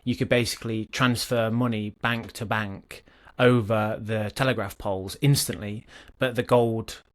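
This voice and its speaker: A man co-hosts a podcast in a casual, conversational way, sometimes reading a book aloud. His voice sits fairly low, and his speech is full of restarts and small asides. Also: steady tone. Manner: chatty, self-correcting, pauses to comment. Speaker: podcast co-host.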